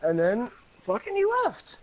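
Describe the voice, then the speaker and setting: A man's voice: high-pitched, wildly swooping pitch, measured pace, highs cut off, slight background noise. A man talking as a guest in casual chat, profane, rambling and heated.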